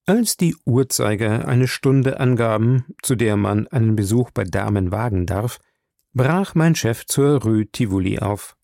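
A man narrating a detective story with expressive, measured storytelling. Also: on the low side, creaky, dry recording, clean studio sound. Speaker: audiobook narrator. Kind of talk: scripted narration.

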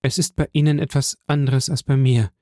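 A man's voice: mid-range voice, fairly even intonation, fairly quick, warm tone, no room sound, clean studio sound, close to an everyday voice. A man voicing a proud, resolute young male aristocrat in an audiobook.

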